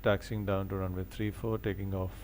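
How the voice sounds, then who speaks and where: A man's voice: sits low, little pitch movement, fairly quick, darkish tone, a little hiss or hum. A man streaming a flight simulator, casually talking himself through each step as he goes. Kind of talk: casual live commentary on own gameplay.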